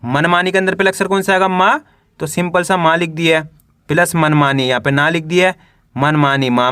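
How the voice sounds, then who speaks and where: A man with a bright, somewhat high voice teaches a beginners' reading and spelling lesson. He sounds out every word one syllable at a time and keeps asking the learner what comes next. The recording is dry and close. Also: smooth, dry recording. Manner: repeats each word and asks questions back to the learner.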